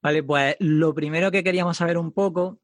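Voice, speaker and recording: A man's voice: fairly high pitch, fairly even intonation, brisk, no room sound, studio quality. A man hosting a podcast interview, asking questions in a hesitant way. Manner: hesitant, with many fillers and restarts when asking questions. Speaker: podcast host.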